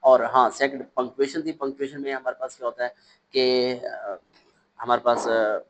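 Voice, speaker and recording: A man teaches an English lesson for young children. His voice sits at an ordinary middle pitch, and he reads each English word slowly before explaining it, often pausing and correcting himself. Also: level tone, poor audio. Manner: slow, reads English words aloud then explains them, with hesitations and self-corrections.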